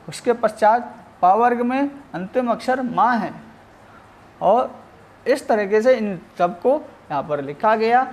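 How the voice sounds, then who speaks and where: A male Sanskrit teacher giving a recorded lesson, measured and explanatory, sounding out each letter. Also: sits high.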